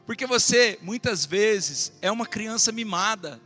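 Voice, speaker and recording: A man preaching a fervent sermon as pastor of his church, swinging between loud exclamations and quiet asides and calling out questions to the congregation. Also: high voice. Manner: asks the congregation for call-and-response.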